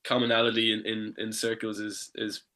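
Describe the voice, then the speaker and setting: Casting: male band member, lowish bright voice, hesitant, conversational. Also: monotone, normal speed. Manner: hesitant, searching for words. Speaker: band member being interviewed. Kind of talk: casual interview chat.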